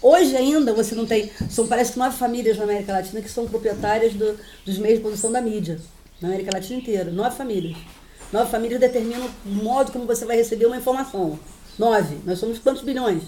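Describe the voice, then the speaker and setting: A woman giving a university class lecture in an animated, storytelling way. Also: a little high, quick pace, roomy sound, a little hiss or hum. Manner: animated, storytelling, laughing often.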